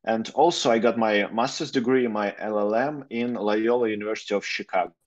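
A young man in his twenties with a Russian accent and a fairly low voice answers questions over a video call. He hesitates often and fills gaps with "uh". The audio is dull and lo-fi. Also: brisk. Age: 20s. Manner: hesitant, many fillers, careful non-native phrasing. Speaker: guest lawyer. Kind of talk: interview answers. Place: plain room, indoors.

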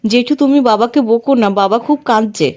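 A little boy clings eagerly to his father, read by a woman in her own high voice. She barely changes her voice for the child. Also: moderate pace, a little mellow, lightly acted. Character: affectionate young boy missing his father.

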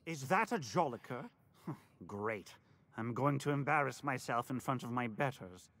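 A man's voice: mid-range voice, expressive, measured pace, fairly bright tone. An actor voicing a fussy, pampering upper-class man who frets over his pet in a game, talking in a prim and anxious way. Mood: fretful. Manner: prim, fretful, posh.

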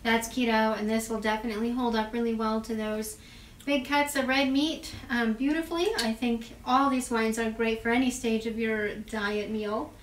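A woman hosting a casual wine tasting chat, upbeat and chatty with quick asides. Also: fairly high pitch, steady tone. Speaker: wine shop host. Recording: echoey room, far mic, faint noise.

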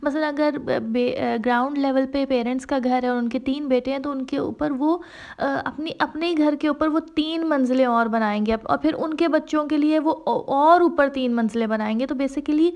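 At a moderate pace, a woman with a high, slightly mellow voice talks about her trip. As a travel vlogger she keeps it casual and chatty, weaving English phrases into Hindi-Urdu and using many fillers.

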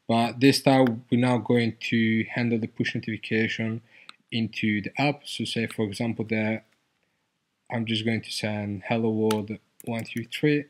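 A man hosting a screen-recorded coding tutorial, explaining his app in a loose, hesitant way with many fillers and restarts. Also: lowish voice.

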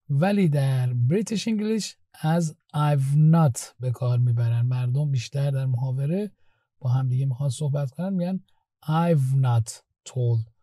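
Mellow-voiced man teaching English grammar. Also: a little high, no room sound, clean studio sound. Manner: reads English examples slowly, then translates and explains. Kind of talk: grammar lesson explained in Persian.

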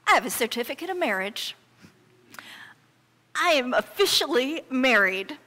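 In a reverberant church hall, a middle-aged American woman pastor preaches a sermon to her congregation in the sanctuary. Her high, sing-song voice is bright and forceful, moving at a moderate pace. She tells her story in an emphatic, earnest, conversational way.

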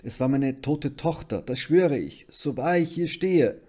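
A man's voice: on the high side, animated, unhurried, mellow, pitched above the performer's own voice. A man reading aloud voices a desperate, grieving middle-aged father who pleads in distress. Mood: pleading.

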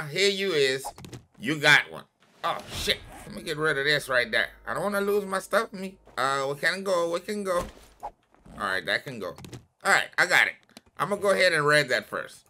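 A man doing loud, excitable let's-play commentary, trash-talking enemies in the game. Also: on the high side, normal speed, a little hiss or hum. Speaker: gaming channel host.

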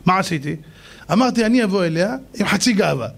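Lively high-voiced rabbi preaching. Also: male voice, vocal fry. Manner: animated, acts out the people in his stories. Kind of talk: storytelling sermon.

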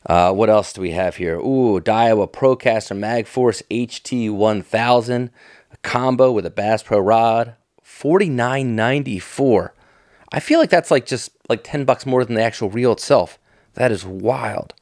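This fishing tackle vlogger, a middle-aged American, talks in an unhurried way at a medium pitch, his tone slightly mellow. His commentary is casual and unscripted, with a folksy, eager, nostalgic feel. The audio is studio quality and free of echo.

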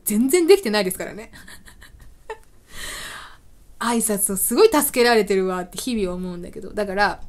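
A woman hosting a web radio show, chatting casually on her own and acting out small everyday scenes with self-mocking laughs. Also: medium pitch. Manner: laughs often between lines. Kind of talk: casual solo talk.

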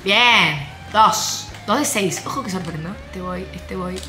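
A young woman with an Argentine accent, commenting on her own gameplay, muttering softly while she plays and breaking into high shrieks. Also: slow pace, faint music behind. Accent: Argentine Spanish. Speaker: gaming YouTuber.

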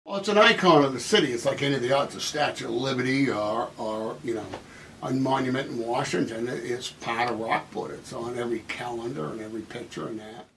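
A man's voice: medium pitch, fairly quick, gravelly, fairly bright tone. Rambling man interviewed from a distance. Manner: rambling, with restarts and self-corrections. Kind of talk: casual interview. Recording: distant mic with faint noise.

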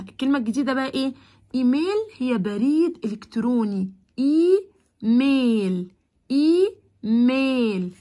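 A woman with an Egyptian Arabic accent explains a children's English lesson in a high, breathy voice. She draws the English words out slowly and then explains them quickly in Arabic. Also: darkish tone. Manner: switches between Arabic explanation and slow, drawn-out English words. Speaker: English teacher.

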